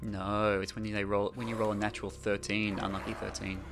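Low-voiced man running a tabletop game. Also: level tone, creaky, background noise. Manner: brisk, rule-checking narration. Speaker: game master.

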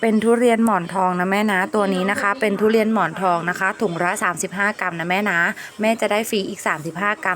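A woman live seller giving a repetitive, coaxing sales pitch to viewers, with polite endearing address.

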